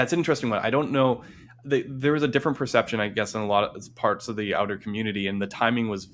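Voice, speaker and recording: A man's voice: on the low side, fairly bright tone, slight background noise. A man hosting a casual tech livestream, rambling with many restarts and fillers. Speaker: livestream host.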